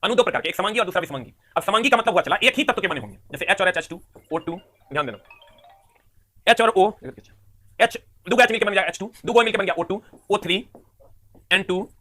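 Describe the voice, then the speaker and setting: A man's voice: sits high, animated, a little fast, sharp tone. A man teaching a live online chemistry class, drilling terms and counting atoms aloud over and over.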